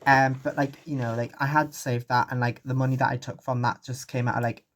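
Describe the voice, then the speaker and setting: A young man from the United Kingdom chatting casually through his monthly budget, rambling with lots of fillers as he does sums out loud. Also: medium pitch, level tone, brisk. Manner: rambling, filler-heavy, thinking aloud while doing sums. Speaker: budgeting vlogger. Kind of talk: casual chat.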